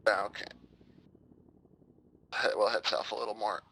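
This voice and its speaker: A man's voice: fairly low pitch, steady tone, normal speed, vocal fry, pushed and bright, slightly rough, low-quality recording. A man playing a helicopter pilot in a military flight sim, answering casually and making formal tower calls. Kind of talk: gaming chat and radio calls.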